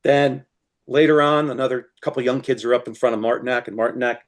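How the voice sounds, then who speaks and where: A man's voice: medium pitch, quick pace. A man, a guest fly tier, chatting casually with lots of "you know" fillers as he demonstrates tying flies and tells stories. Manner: animated, laughs as he tells stories.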